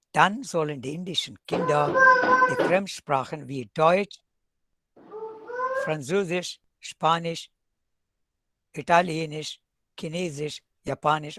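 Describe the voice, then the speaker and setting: This is an academic webinar lecture by a professor from South India, a native Tamil speaker with an Indian accent. He alternates between English and German and slips in dry, wry comments. His voice is on the high side and a little bright, recorded dry.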